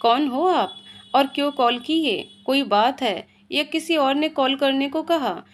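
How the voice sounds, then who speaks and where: A polite young office worker in a spoken storybook, soft-spoken and courteous. His voice sits high, since a woman reads him out. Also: unhurried. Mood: puzzled. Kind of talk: storybook narration.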